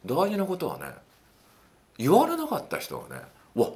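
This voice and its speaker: A man talking through dating advice in a casual monologue, animated and acting out little quotes, with a self-affirming "un" between points. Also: normal speed. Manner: animated, swoops widely in pitch, acts out quotes.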